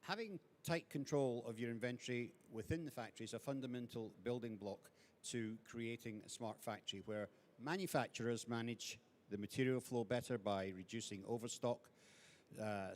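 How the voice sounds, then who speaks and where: A man's voice: mid-range voice, normal speed, a little mellow, a little hiss or hum. A man moderating an industry panel discussion, introducing guests and posing questions with frequent fillers and self-corrections.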